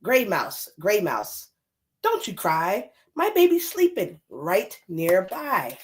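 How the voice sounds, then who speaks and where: A woman voicing an anxious storybook mother, pleading in a sing-song hush to protect her sleeping baby. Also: medium pitch, huge pitch swings, slow pace.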